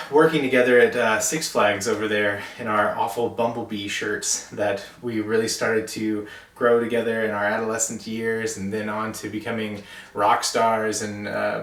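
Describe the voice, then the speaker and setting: A young man giving a wedding toast as best man, speaking informally and haltingly with self-deprecating asides. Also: on the low side, a bit bright. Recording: roomy echo, distant microphone.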